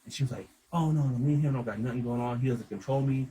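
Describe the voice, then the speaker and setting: A man telling a rambling, animated story in casual chat, swearing a lot and acting out what everyone said. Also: mid-range voice, quick pace, poor audio. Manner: rambling, animated retelling with lots of swearing and quoted dialogue.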